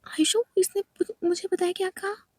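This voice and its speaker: A woman voicing a whiny young woman who takes offence easily and complains loudly. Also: high-pitched, brisk, no room sound, lightly acted. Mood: aggrieved. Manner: loud, complaining, tearful pleading.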